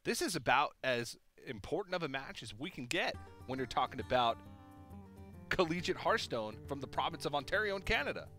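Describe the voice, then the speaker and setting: A young male esports caster with a bright, forward voice that swings up and down a lot. He trades playful banter with his co-caster, and soft music runs underneath him. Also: on the high side, sing-song, fairly quick. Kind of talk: tournament commentary.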